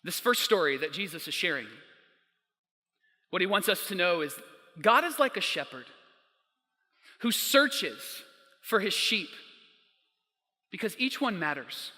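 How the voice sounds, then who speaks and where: Man, pastor, sermon, very bright tone, long hall reverb. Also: sits high, expressive. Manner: storytelling, emphatic, slows down for quotes.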